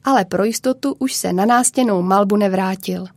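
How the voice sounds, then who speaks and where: A woman narrating a children's story in a calm, measured way. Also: medium pitch, no echo.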